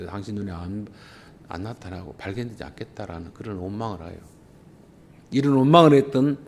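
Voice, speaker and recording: A man's voice: fairly low pitch, a little hiss or hum. A male pastor delivering an emphatic, impassioned sermon.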